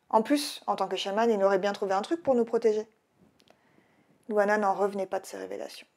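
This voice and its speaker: Woman author narrating her own novel, lively audiobook read. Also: mid-range voice. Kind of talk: audiobook reading.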